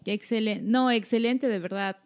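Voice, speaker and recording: A woman's voice: on the high side, normal speed, darkish tone. A woman hosting a casual podcast interview, who often hesitates and repeats words while searching for them. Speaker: host.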